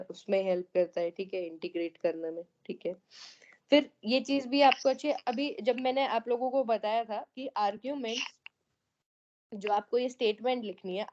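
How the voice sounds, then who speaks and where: A woman teaching over an online call, her voice sitting a little high. She explains patiently and keeps checking in with her students. The audio is muffled and lo-fi. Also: darkish tone. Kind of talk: online class feedback on student essays. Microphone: online meeting audio.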